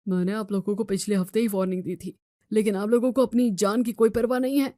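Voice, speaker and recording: A woman's voice: medium pitch, fairly even intonation, fast talker, mellow, no room sound, clean studio sound, close to an everyday voice. A woman voicing a strict male doctor who gives firm warnings. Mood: stern.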